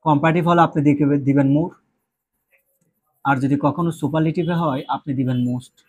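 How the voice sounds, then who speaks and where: A man's voice: a little high, fairly even intonation, moderate pace, a little mellow, slightly rough, lo-fi sound. A Bangladeshi man teaching English grammar in Bengali, who keeps asking questions and answering them himself, with joking asides. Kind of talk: classroom lecture.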